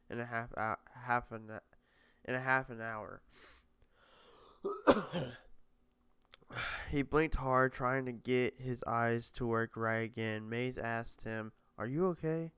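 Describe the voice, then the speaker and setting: A man's voice: medium pitch, fairly bright tone, smooth, dry recording. A young man casually reading a novel aloud, often stumbling over words and correcting himself. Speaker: reader.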